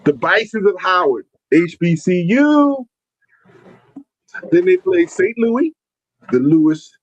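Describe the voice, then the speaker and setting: A man's voice: high voice, expressive, takes it slowly, dry recording. A man in his forties co-hosting a podcast, chatting casually about sports in a laid-back, rambling way. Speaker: podcast co-host. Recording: dull lo-fi sound.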